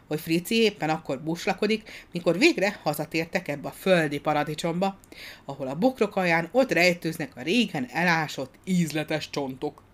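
Low-voiced woman reading a story, expressive and measured. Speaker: narrator. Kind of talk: audiobook narration.

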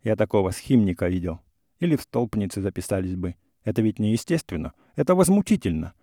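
A man's voice: fairly low pitch, brisk, mellow, no room sound, studio quality, close to an everyday voice. A man reading as an indignant young suitor. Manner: heated, indignant, insistent. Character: hot-headed young gentleman suitor, easily angered. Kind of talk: audiobook character reading.

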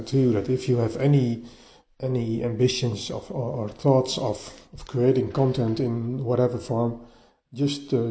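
Male podcast host, mellow voice, halting delivery with frequent restarts, dull lo-fi phone recording in a slightly echoey bedroom. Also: medium pitch. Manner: halting, often repeats words as he restarts. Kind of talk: casual solo podcast monologue. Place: partly furnished bedroom, a bit echoey. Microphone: phone voice-note app.

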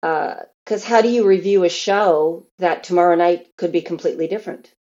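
With a fairly low, mellow voice and a fairly quick pace, a Canadian woman chats through stories as an interview guest, acting out what others might say. She performs in theatre and was raised in Newfoundland and Alberta. The recording has a lo-fi quality.

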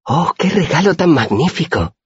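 A man voicing a tiny, whimsical young woman who talks with high, breathless, childlike wonder. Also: very animated, a little slow, a little mellow, slightly rough, no room sound, exaggerated voice. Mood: delighted. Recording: dull, muffled audiobook recording.

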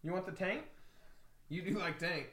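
A man in his twenties co-hosting a podcast, animated and blunt, swearing freely. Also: sits high, normal speed, reverberant, slight background noise. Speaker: podcast co-host. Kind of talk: casual podcast chat.

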